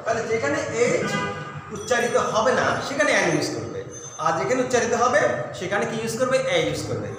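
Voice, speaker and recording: A man from Bangladesh with a high voice teaches an English grammar lesson, patiently repeating words and checking that his students follow. He is picked up from a distance in a strongly echoing room, with a long reverb tail and faint background ambience. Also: big pitch swings, fairly quick, noisy background. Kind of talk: recorded classroom lesson. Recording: echoey room, mic far off.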